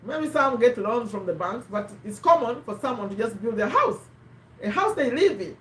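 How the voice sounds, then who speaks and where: A fairly high-voiced woman talks through ideas in a loose, conversational way, restarting sentences and turning to her listeners with questions. The recording has a roomy echo around her voice. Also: big pitch swings, moderate pace, recorded from a distance, a little hiss or hum. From Uganda. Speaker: host of a live book discussion. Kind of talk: casual explanatory talk. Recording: echoey room.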